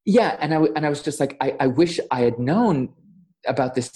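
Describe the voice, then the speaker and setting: A man's voice: fairly high pitch, expressive, fairly quick, dark tone. A man, a voiceover coach, chatting as a podcast guest and retelling a mishap with lots of stammers and quoted dialogue. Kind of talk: casual interview storytelling.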